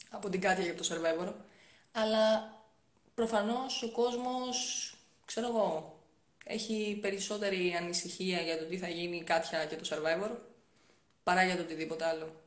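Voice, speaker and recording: A young woman on a casual live stream, chatting as she reads viewer comments aloud and answers them, often dropping to soft-spoken asides. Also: medium pitch. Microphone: phone. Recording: roomy phone audio.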